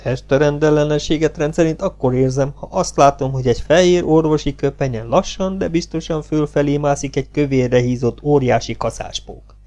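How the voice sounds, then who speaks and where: A man reading an audiobook aloud in a dry, deadpan storytelling manner. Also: on the high side. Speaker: audiobook reader. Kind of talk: audiobook narration.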